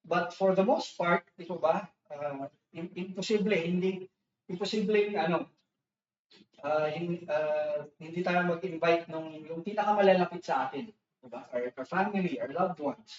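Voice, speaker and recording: A man's voice: high-pitched, moderate pace, far from the mic, a little hiss or hum. A man preaching a sermon in a loose conversational way, with frequent restarts and tag questions, switching between Tagalog and English. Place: church hall. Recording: echoey church hall, dull lo-fi sound, speaker off-mic.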